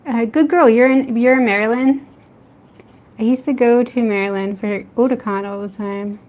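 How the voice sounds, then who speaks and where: The audio is dull as this East Coast American woman draws late at night at home and chats with viewers. Her voice is a little high and a little mellow, with fairly even intonation at normal speed, and she laughs often while answering live chat.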